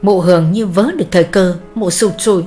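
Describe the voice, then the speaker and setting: A woman narrating a dramatic family story in steady, scripted storytelling. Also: lowish voice, fairly quick, soft background music.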